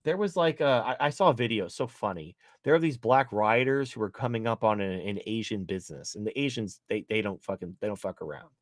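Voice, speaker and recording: A man's voice: fairly low pitch, brisk, hardly any pauses, no echo, clean studio sound. Blunt, profane man ranting casually. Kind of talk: casual political chat.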